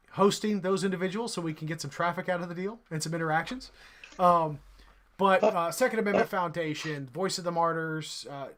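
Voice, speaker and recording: A man's voice: high voice, fairly bright tone. Man hosting a rambling podcast sign-off. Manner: rambling, full of ums and uhs. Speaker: podcast host. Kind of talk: casual chat.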